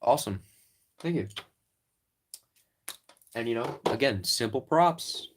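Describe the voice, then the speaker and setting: A man casually chatting on a livestream while crafting props, rambling and relaxed, sometimes talking while eating. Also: mid-range voice, takes it slowly, slight background noise. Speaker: streamer making props. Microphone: close mic.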